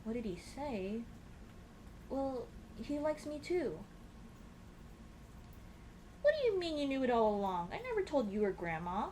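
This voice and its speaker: A young woman with a high, warm voice, full of big pitch swings, plays a shy, teasing tomboy childhood friend in love in an intimate ASMR girlfriend roleplay. She's a little slow, pausing often, embarrassed and fond, playful and bashful with casual dude-talk. The poor audio carries slight hiss or hum.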